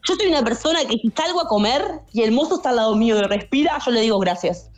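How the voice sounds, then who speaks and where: Faint music runs beneath this casual podcast chat, where a young woman, a stand-up comic and guest storyteller, shares funny stories at a quick pace. She's animated, slipping into high shouted voices to act out customers.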